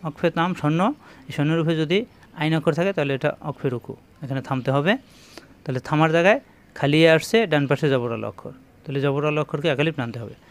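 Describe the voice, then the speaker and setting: A man teaching Quran reading, sounding out syllables slowly and repeating them, speaking directly to his viewers. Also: a little high. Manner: slow, drawn-out demonstration of letter sounds, repeating syllables; addresses viewers directly with instructions. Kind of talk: spoken Quran reading lesson.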